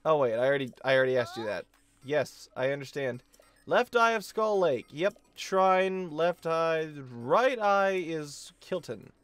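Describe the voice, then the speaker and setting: A man's voice: fairly high pitch, lively intonation, unhurried, fairly bright tone, smooth, no room sound, faint music behind. A man hosting a let's play, commenting casually and thinking aloud, questioning himself with many restarts.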